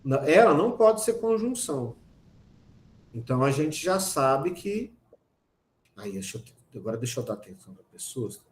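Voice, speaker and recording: A man with a Brazilian Portuguese accent teaching a lively online grammar class, talking straight to his students with teasing asides. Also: on the high side, moderate pace, roomy sound, a little hiss or hum.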